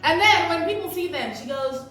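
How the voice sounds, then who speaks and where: A woman's voice: very high voice, animated, normal speed, fairly bright tone, soft background music. A woman giving earnest, preachy parenting advice to camera, repeating key phrases for emphasis. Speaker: parenting vlogger. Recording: very echoey room, voice from a distance, faint noise.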